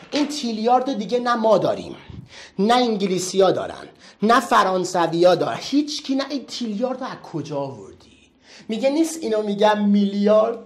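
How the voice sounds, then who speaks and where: A teacher giving a classroom lecture in a playful, teasing way, firing quick rhetorical questions at the students. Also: medium pitch, a little mellow. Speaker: English teacher.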